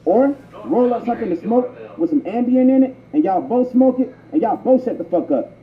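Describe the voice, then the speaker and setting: This man's voice is extremely high and animated, moving a little fast as he delivers profane, slang-heavy comedy tutorials. The playback is a noisy, echoey, muffled intercom, with the ambience of public transit behind him.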